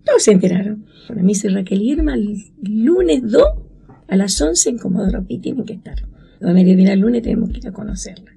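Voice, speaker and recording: Gravelly, husky older Argentine woman. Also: brisk. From Argentina (Chaco). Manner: acts out quoted voices, rising high and excited. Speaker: interviewee, grandmother of a found granddaughter. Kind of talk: emotional interview storytelling.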